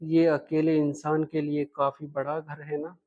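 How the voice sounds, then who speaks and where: A man's voice: on the high side, monotone, a little slow, natural voice. A man voicing a frank, playful young woman student in a read-aloud love story, in a dull lo-fi recording. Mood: teasing. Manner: direct, playful, lightly teasing.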